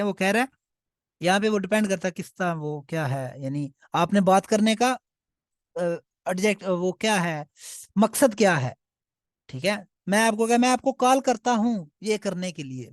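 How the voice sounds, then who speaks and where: A man with a high voice, Punjabi by first language, patiently teaches German to novices in an online Hindi-Urdu class, regularly confirming they understand and saying "ठीक है" again and again. The sound is clean studio audio without echo.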